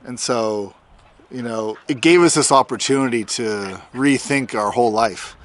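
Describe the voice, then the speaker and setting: A tattoo artist vlogger, an Australian man aged fifty, records a casual conversational update to camera in his farm's front yard. His voice is medium in pitch and a little slow, and the tone stays informal.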